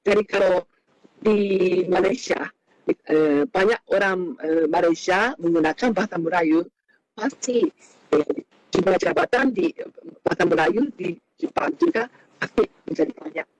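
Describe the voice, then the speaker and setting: A Japanese man with a Japanese accent giving an unscripted talk in Indonesian as a foreign speaker, halting often with hesitation sounds. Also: high voice, no echo, poor audio. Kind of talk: unscripted lecture with personal anecdotes.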